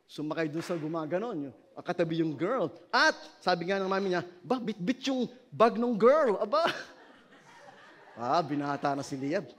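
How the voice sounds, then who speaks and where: This is a middle-aged man with a Filipino accent delivering a sermon to his congregation. His voice sits high for a man. He swings between ringing emphasis and soft, personal asides. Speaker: pastor.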